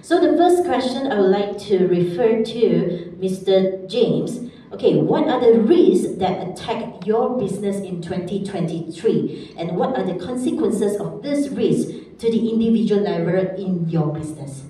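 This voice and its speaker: A woman's voice: medium pitch, expressive, unhurried, dark tone. A woman moderating a panel in a formal manner. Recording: very echoey hall, distant mic, faint noise.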